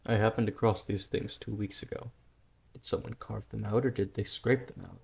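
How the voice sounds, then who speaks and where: In a dramatic manga dub, an actor voices a calm, independent young tribesman who is a stubborn younger brother, delivering lines in an earnest, measured way. His voice is lowish and creaky, and he sounds intrigued yet calm.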